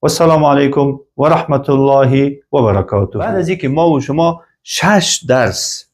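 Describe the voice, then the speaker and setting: A man teaching Arabic vocabulary, slowly repeating each word twice for his students. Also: medium pitch. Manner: slow and repetitive, saying each word twice. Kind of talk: classroom lesson explaining vocabulary.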